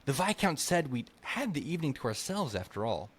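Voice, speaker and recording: A man's voice: fairly high pitch, sing-song, fairly quick, husky, voice pushed up. An author reading aloud, a man voicing a young, eager male squire who pleads earnestly. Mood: pleading.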